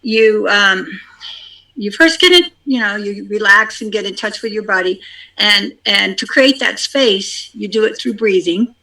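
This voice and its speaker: This speaker talks very slowly and halts often, filling the gaps with ums and repeating phrases. The tone is bright and forward, and the words are shared with a spiritual discussion group. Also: medium pitch, rough recording. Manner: halting and unhurried, with many ums and repeated phrases. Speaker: community member sharing a practice.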